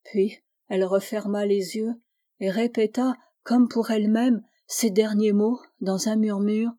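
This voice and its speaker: A woman narrating a literary audiobook in a measured, grave reading voice. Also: mid-range voice, steady tone, warm tone. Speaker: audiobook reader.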